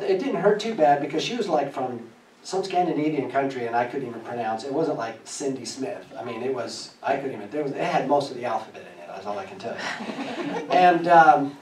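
A man preaching a sermon, telling a personal story in a lively way and often laughing as he speaks. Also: a little high, a little hiss or hum. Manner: animated, laughing through his story. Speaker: pastor. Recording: echoey church from a distance.

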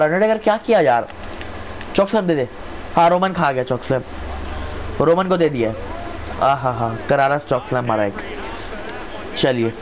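A man with a slightly high voice commentates a wrestling video game in an excited, casual way. He talks like an informal wrestling commentator calling the action move by move, often repeating short phrases. There is faint noise behind his voice. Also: poor audio.

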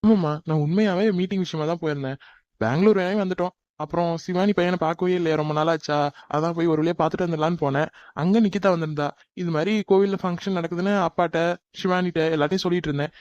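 A man's voice: on the high side, steady tone, fast talker, a little mellow, dry recording, lo-fi sound, close to an everyday voice. A man voicing a flustered young man in a cartoon, defensive and explaining in a hurry. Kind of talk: animated cartoon dub.

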